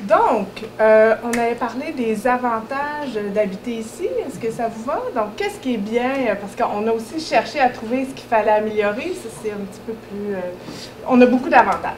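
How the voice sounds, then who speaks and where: A woman, speaking as an educational consultant at a public launch, hesitating often and filling pauses. Her voice sits a little high. The sound carries the echo of a large hall, with steady background noise. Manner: hesitant, many fillers. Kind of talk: presenting students at a public event.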